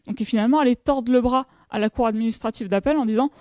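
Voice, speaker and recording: Speaking quickly at a fairly high pitch with a dark tone, this woman is heard in clean studio sound without room noise. She's an academic from France in her thirties, presenting at a conference panel table and stumbling into hesitations and restarts as she explains.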